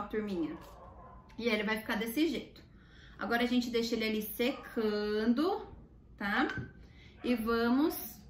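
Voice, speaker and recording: A woman with a Brazilian accent teaching children a craft like a kids show host, in simple child-directed talk. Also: fairly high pitch. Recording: echoey room, distant mic, faint noise.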